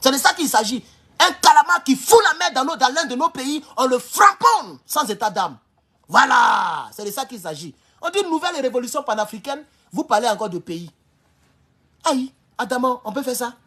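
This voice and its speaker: Fiery, husky-voiced man rallying his viewers. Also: very high-pitched, animated, moderate pace, sharp tone. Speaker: livestream host. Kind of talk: impassioned livestream address.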